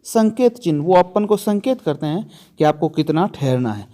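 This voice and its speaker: Here a man speaks at normal speed in a mellow, expressive voice that leans high. He teaches exam grammar by questioning his students and supplying the answers himself, emphasizing and repeating key terms.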